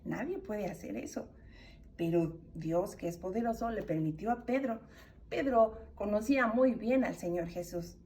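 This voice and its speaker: At a moderate pace and medium pitch, a Mexican-accented woman tells a story during a children's Sunday school lesson, animatedly performing the characters' cries. The mic is distant, with slight background noise.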